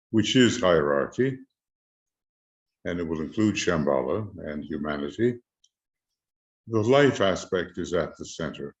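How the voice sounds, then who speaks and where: Slow, breathless low-voiced man lecturing. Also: echoey room, dull audio. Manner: halting, deliberate, pausing between short phrases. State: short of breath. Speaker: esoteric teacher giving commentary. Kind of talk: slow reflective lecture commentary.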